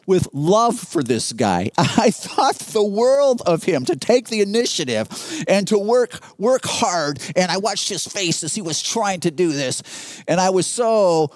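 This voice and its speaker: A man's voice: sits high, big pitch swings, unhurried, dry recording. A man preaching a sermon, emphatic and storytelling, often repeating his phrases. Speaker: pastor.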